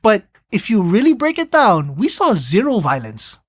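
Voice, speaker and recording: A podcast co-host in casual chat, recapping a movie in a rambling, animated way and acting out the characters' lines. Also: mid-range voice, moderate pace, slightly rough, no room sound. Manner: animated storyteller, acts out quotes; rambling with restarts.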